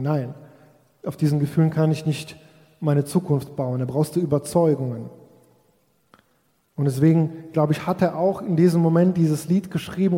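A man's voice: fairly high pitch, warm tone. A man preaching a sermon, reflective and speaking straight to his congregation, now and then acting out quoted voices. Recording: long hall reverb.

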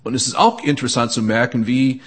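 A man preaching a sermon at a church service, earnest and halting, often restarting his phrases. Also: medium pitch, fairly even intonation.

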